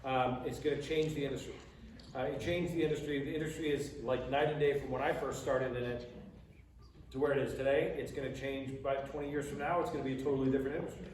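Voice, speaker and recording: A middle-aged man from Colorado, a voice actor on a convention panel, answers Q&A questions casually but with emphasis. His medium-pitched voice is steady, quick and a little mellow. The big indoor hall is full of audience noise and heavy echo, and the microphone sits far away.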